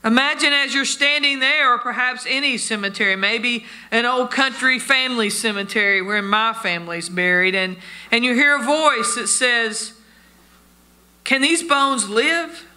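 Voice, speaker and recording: Male pastor, sermon, storytelling, sharp ringing tone. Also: extremely high pitch, normal speed. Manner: storytelling, addresses listeners as friends.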